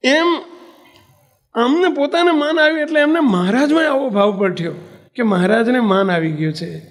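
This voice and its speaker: A man, a swami giving an animated devotional sermon, asking rhetorical questions and acting out the people in his stories. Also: very high-pitched, normal speed. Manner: animated, asks rhetorical questions and acts out characters. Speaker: swami preacher. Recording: long hall reverb.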